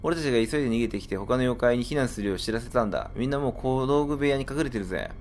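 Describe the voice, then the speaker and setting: A man voicing a brash male yokai musician in a game, with swaggering, rough, slangy delivery. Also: mid-range voice, lively intonation, racing, a little mellow, a little hiss or hum, natural voice.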